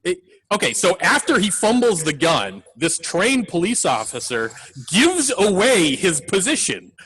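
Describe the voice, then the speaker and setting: A man co-hosts a film podcast, his high-pitched, slightly bright voice very animated yet unhurried. It's a casual film review chat where he rambles with plenty of fillers, and the audio quality is poor.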